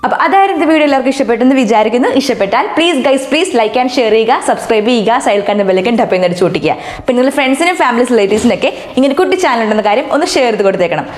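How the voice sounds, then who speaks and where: A woman's voice: on the high side, animated, racing. A woman vlogger with a Malayali accent, talking casually to viewers and mixing English words into Malayalam. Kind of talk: casual vlog sign-off to camera. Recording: roomy echo with music behind. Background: music.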